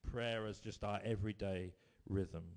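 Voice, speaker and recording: A man preaching a sermon, telling stories with emphatic rises and quiet drops. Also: fairly low pitch, fairly even intonation, moderate pace. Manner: storytelling, rising to emphatic bursts then dropping quiet.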